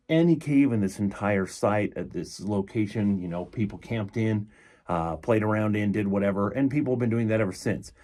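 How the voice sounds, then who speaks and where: A man with a fairly low voice presents a casual exploration vlog. He explains things informally and rambles a little as he goes. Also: dark tone.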